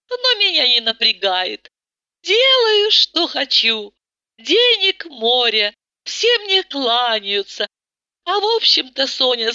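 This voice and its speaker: A woman's voice: high-pitched, bright, forceful tone, dry recording, voice pushed up, heavily acted. A woman voicing a bored, tearful rich young wife who whines and sighs theatrically about her empty life, in a dull, muffled audiobook recording. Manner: plaintive, sighing, theatrical.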